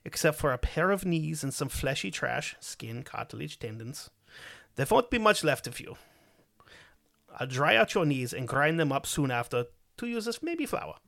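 A man's voice: on the high side, very animated, moderate pace, creaky, a bit bright, exaggerated voice. A man voicing a grim cannibal in a put-on German accent, reading out his messages in a cold, matter-of-fact way.

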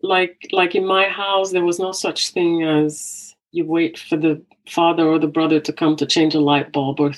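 A woman's voice: deep voice, level tone, moderate pace, hardly any pauses, rough recording. A woman from Angola, a psychotherapist, speaking as an interview guest in a reflective way, with restarts along the way. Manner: reflective, with frequent restarts and soft laughs. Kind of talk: conversational interview.

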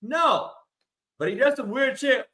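A man hosting a casual sports debate, loud, opinionated and ribbing, blunt and profane, repeating his points for emphasis. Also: very high voice, expressive, a little slow. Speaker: sports talk show host.

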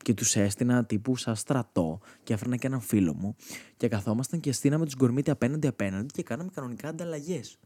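Male comic in his 20s, mellow and husky, animated and foul-mouthed monologue. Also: medium pitch. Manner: animated, slangy, swears freely. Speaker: comedian host.

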